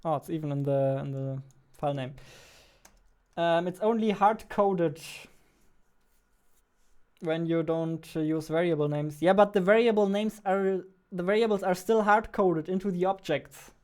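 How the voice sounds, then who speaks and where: An indie game developer in his twenties gives casual live commentary while coding on stream, speaking into a close studio mic on a boom arm at a desk in a small indoor room. His voice is high-pitched, a little slow and a little mellow, with a clean tone.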